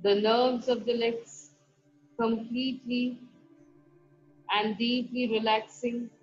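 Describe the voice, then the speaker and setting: A woman with a fairly high, level voice guides a meditation, giving soft, very slow instructions with long pauses between phrases. The lo-fi recording sounds dull, with faint soft music underneath.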